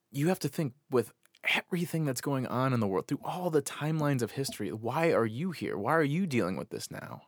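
Low-voiced American man podcasting from a closet. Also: no echo. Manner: halting, earnest, pausing between short phrases. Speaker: podcast host. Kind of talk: reflective solo podcast monologue. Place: small bedroom closet. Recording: close, dry closet recording.

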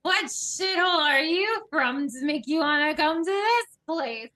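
A woman voicing an awkward, smitten grown man, delivering lines in a hammy, drawn-out way. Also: very high-pitched, bright, forceful tone, full character voice. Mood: flirting.

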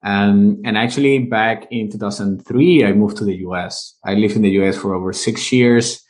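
A man from Venezuela in his thirties, a business owner telling his career story in a casual interview, animated as he tells it. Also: lowish voice, moderate pace. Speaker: guest, live streaming business owner.

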